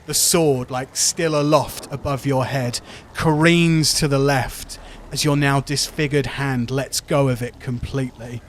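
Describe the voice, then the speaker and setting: A man running a tabletop game, narrating dramatically and descriptively with deliberate pauses. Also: medium pitch, steady tone, a little hiss or hum. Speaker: game master.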